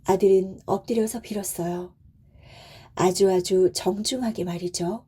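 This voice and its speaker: Soft, slow bedtime storyteller woman. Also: mid-range voice, steady tone, slightly rough. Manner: soft, soothing, gentle.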